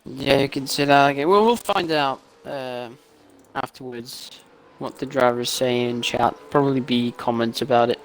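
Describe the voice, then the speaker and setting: A man's voice: mid-range voice, moderate pace, a little hiss or hum. A man co-commentating a sim race, analytical and a little puzzled as he checks replays. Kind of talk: live sim racing commentary.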